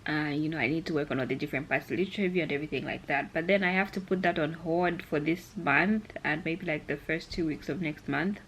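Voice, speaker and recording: A young Zambian woman chats casually to the camera vlog-style, rambling and often circling back on herself. Her voice is deep and a bit bright, she talks quickly with few pauses, and the audio is poor with slight background noise.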